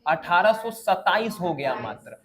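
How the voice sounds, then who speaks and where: A man teaches an exam revision lesson. His voice sits fairly high for a man. He drills the class by repeating lists aloud and quizzing them as he goes. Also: big pitch swings, measured pace, a bit bright.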